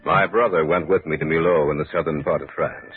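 A deep-voiced novelist in an old radio show. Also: male voice, steady tone, fairly quick. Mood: narrating. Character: young American novelist, narrating his own tale. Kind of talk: 1940s radio drama narration. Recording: lo-fi phone-like broadcast with faint music.

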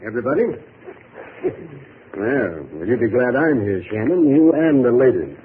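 An actor playing a smug, ingratiating lawyer, oily and chummy, in an old radio drama. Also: male voice, medium pitch, very animated, brisk, close to an everyday voice. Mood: smug, gloating. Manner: oily, chummy, self-satisfied. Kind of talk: 1940s-50s radio drama acting. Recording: tinny, faintly noisy old radio recording.

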